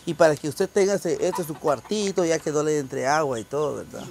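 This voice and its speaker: A man's voice: fairly high pitch, a little fast, vocal fry, a little mellow, a little hiss or hum. A man with a Guatemalan accent casually explaining things as the host of a charity vlog. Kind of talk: casual explaining to camera and group. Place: outdoors in a rural wooded yard. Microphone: handheld phone.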